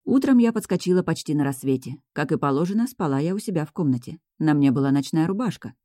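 A woman reading a first-person fantasy audiobook with measured, expressive storytelling. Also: low-pitched, dry recording, studio quality. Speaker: audiobook narrator.

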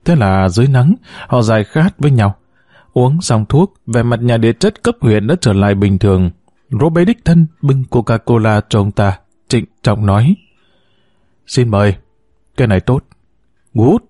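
A man reading a story aloud at a steady pace, with a dark, mellow timbre. The recording is dry and close, with no room echo, and his pitch sits in an ordinary middle range. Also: moderate pace. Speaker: narrator. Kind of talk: audiobook reading.

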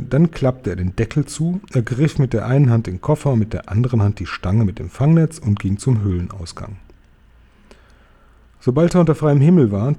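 A man reading a children's book aloud, steady and expressive. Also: medium pitch, slightly rough. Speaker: audiobook narrator.

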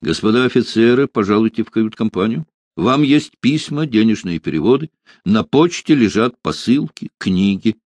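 Man reading a brisk formal naval officer in an audiobook, no-nonsense. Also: lowish voice, lively intonation, darkish tone, no room sound, close to an everyday voice. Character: brisk male naval officer, businesslike, subdued.

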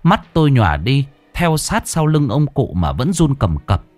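A man reading a ghost story aloud in dramatic, expressive first-person narration. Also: medium pitch, normal speed, no echo.

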